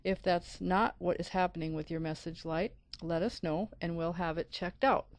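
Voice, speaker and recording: A woman narrating a screencast software tutorial as an IT support instructor, explaining methodically step by step. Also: lowish voice, steady tone, moderate pace, no room sound. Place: close, dry voice-over for a screen recording.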